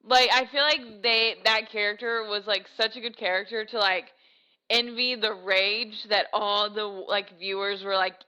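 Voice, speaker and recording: A young woman co-hosting a casual podcast chat, animated and filler-heavy, swearing freely. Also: medium pitch, unhurried, clean tone, low-quality recording. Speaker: podcast co-host.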